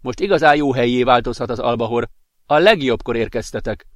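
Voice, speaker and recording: A man's voice: medium pitch, no echo, studio quality, natural voice. A man voicing a friendly young alien woman in a read-aloud story, explaining her world in an earnest way.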